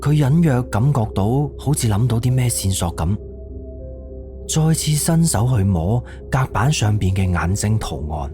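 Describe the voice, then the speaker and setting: Over clear background music, a man with a fairly low, mellow voice narrates a suspense story in a scripted radio-drama storytelling style.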